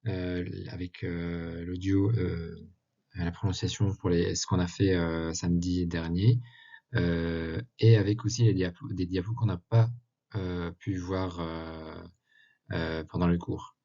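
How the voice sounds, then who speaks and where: A man with a very low voice talks slowly through a slide lesson, pausing often with filler sounds as he explains each letter. The recording is dull and lo-fi, as if made on a basic computer microphone. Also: fairly even intonation, dark tone. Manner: slow, hesitant, many filler sounds. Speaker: Arabic teacher.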